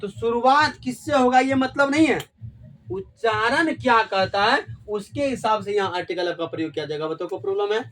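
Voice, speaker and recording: A male teacher with a high voice leads a classroom grammar lesson. He keeps asking the class questions and repeats each key word back to them. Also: a little fast, a bit bright, a little hiss or hum. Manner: call-and-response questioning, repeats key words.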